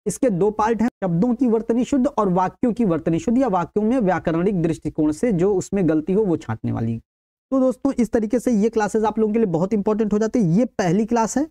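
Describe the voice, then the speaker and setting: A woman leads an exam-prep lesson, her pitch rising and falling in a lively way. Her voice sits on the dark, mellow side. She goes through answers one by one, repeats them and keeps asking if the point is clear. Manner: addresses viewers as friends, repeats each answer with frequent checks of "okay"; stresses what is important and tells viewers to keep it in mind. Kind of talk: online lesson on exam questions.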